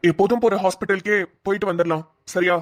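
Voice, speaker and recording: A woman voicing a calm, gentle young husband in a cartoon, speaking in a soft, reassuring way. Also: mid-range voice, fast talker, voice pushed down, lightly acted. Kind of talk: cartoon voice acting.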